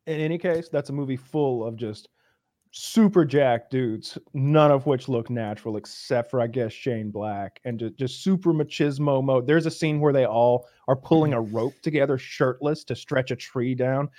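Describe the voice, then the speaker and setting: A man's voice: mid-range voice, normal speed, no room sound, studio quality. A man in casual podcast chat, telling stories animatedly and acting out grunts and commands. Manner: animated storyteller, acts out grunts.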